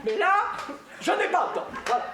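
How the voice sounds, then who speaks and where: An actor on stage playing a flustered, evasive husband who is hurried and keeps brushing people off. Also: male voice, extremely high pitch, sing-song, sharp tone, full character voice. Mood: impatient. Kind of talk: stage comedy acting. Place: theatre stage. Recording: echoey theatre hall from a distance, faint noise.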